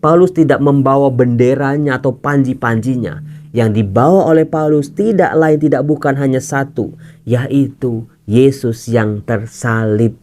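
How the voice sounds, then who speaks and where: Earnest priest teaching scripture. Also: male voice, medium pitch, a little slow, darkish tone, slight background noise. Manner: earnest, addresses listeners as brothers and sisters; mixes casual colloquial asides into formal teaching. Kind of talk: Bible teaching sermon.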